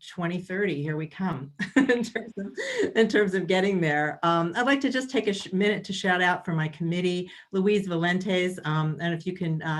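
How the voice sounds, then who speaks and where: A woman organizer giving casual closing remarks on a video call, chatty, with many ums and restarts. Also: low voice. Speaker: event organizer closing a webinar.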